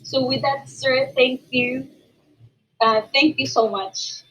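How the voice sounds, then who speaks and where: A hoarse woman with a Filipino accent, a teacher sharing her experience on a video call, speaking haltingly with many fillers. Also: high-pitched, fairly even intonation, fairly bright tone. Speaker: teacher sharing in an online course. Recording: dull lo-fi video call audio.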